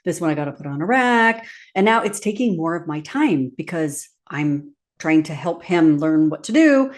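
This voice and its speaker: Animated woman telling a personal story. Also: sits low, normal speed. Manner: animated, laughing storyteller who acts out her own quotes. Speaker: podcast host.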